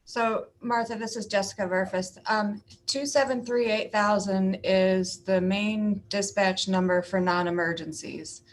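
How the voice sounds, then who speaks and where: A woman's voice: medium pitch, fairly even intonation, a little slow, hardly any pauses, slight background noise, rough recording. A woman giving matter-of-fact explanatory answers as an official on a conference call.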